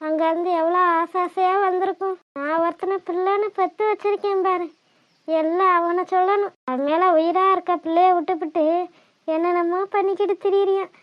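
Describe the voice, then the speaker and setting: A shrill fussing village mother. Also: steady tone, moderate pace, dry recording, lo-fi sound. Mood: tender. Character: fretting village mother, scolding her son, kind to niece. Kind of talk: cartoon voice acting.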